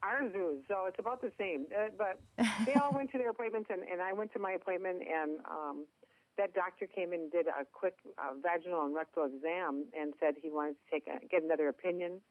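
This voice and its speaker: A woman's voice: fairly low pitch, brisk, no room sound. A middle-aged woman from Minnesota with a Minnesota accent, telling her story as a chatty guest with self-deprecating humor. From Minnesota, USA. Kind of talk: phone interview storytelling. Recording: tinny phone line, dry.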